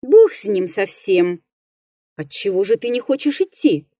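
A woman's voice: medium pitch, sing-song, unhurried, warm tone, no echo, clean studio sound. A woman voicing a frightened, pious old male forester who pleads in a plaintive, wailing way.

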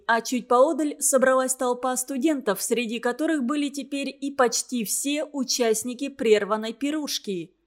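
Woman reading a story aloud, fairly high voice. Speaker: narrator.

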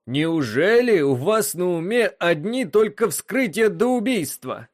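A courteous, sad-eyed alien pig creature speaks with calm dignity in a raised voice, as a male narrator puts it on. The recording is dry and close. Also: high-pitched, a little slow, dry recording, pitched above the performer's own voice. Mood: dignified. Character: polite, mournful talking pig-like alien creature.

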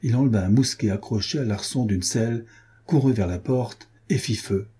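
A man reading a historical adventure novel aloud in a steady, measured narration. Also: mid-range voice, husky. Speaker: audiobook reader. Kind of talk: scripted narration.

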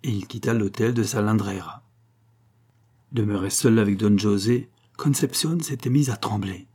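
Dark, husky male audiobook narrator. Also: fairly low pitch, moderate pace. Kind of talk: scripted narration of a novel.

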